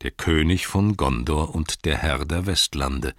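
Gandalf, a man doing a deep, calm old wizard. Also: no room sound, studio quality. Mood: measured. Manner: calm, measured, soft-spoken. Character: wise old male wizard, calm and gentle.

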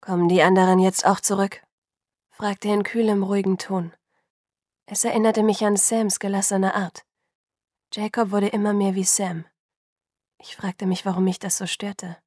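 A woman narrating a novel in the first person, with a soft, intimate reading that sometimes drops to a whisper. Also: mid-range voice, little pitch movement, moderate pace, long pauses, dry recording, clean studio sound. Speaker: audiobook narrator.

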